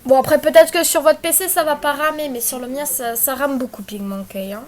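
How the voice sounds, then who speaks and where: A woman's voice: high-pitched, steady tone, a little fast. A young woman talking through a screen-recorded tutorial in a chatty, rambling way, full of fillers and apologies. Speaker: tutorial maker. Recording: faint background noise and clicks.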